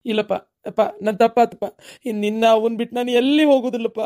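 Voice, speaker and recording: A man's voice: high voice, monotone, a little fast, vocal fry, dark tone, no room sound, studio quality. A man voicing a remorseful grown son in a cartoon story, pleading and apologetic, with a North Karnataka accent. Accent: North Karnataka Kannada. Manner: pleading, contrite.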